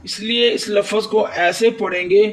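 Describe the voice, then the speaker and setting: Slow high-voiced man teaching recitation. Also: fairly even intonation, distant mic. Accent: Pakistani Urdu. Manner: slow, patient explanation with drawn-out recited words. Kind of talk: step-by-step tajwid lesson.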